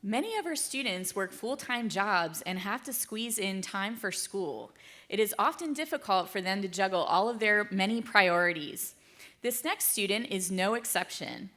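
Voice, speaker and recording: A woman teacher giving a measured, prepared introduction of a graduate. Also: mid-range voice, lively intonation, sharp tone.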